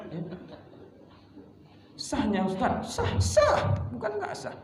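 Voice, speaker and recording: A man preaching a sermon to a congregation in a mosque hall, talking in a lively, conversational way and acting out little dialogues as he goes. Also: on the high side. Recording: echoey hall with background noise.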